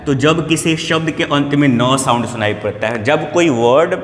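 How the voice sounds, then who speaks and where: A man's voice: mid-range voice, normal speed. A man teaching English pronunciation in Hindi, patiently repeating each example word several times. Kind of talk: Hindi-language pronunciation lesson. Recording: echoey room with long reverb, faint background noise.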